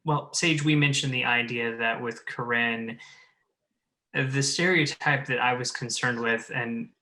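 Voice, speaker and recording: This man's voice sits in the mid range, bright and forceful, with fairly even intonation and a measured pace. He is the audio drama's director, writer and producer, chatting earnestly and informally on a panel that revisits the project.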